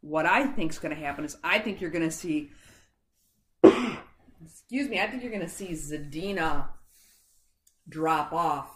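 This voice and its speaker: A woman's voice: deep voice, unhurried, pauses often, a bit bright, reverberant, slight background noise. A woman co-hosting a casual sports podcast, chatty, interrupting herself and laughing easily. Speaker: podcast co-host.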